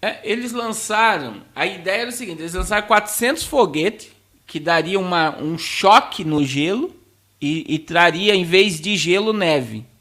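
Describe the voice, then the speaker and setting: A man with a Brazilian Portuguese accent gives informal commentary to viewers as a pastor, in a halting way that repeats words. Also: sits high, animated, a bit bright. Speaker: pastor hosting a talk show.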